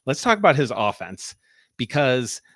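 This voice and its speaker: A man's voice: medium pitch, big pitch swings, moderate pace, fairly bright tone, no echo, clean studio sound. A man co-hosting a soccer podcast, explaining tactics and walking through plays step by step in a casual, analytical way.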